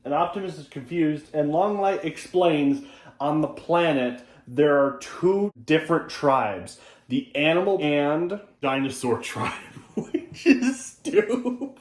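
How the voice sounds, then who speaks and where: Slow-talking man reviewing cartoons, echoey room. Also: fairly high pitch, animated. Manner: amused, laughs often, mocking. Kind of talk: casual review commentary.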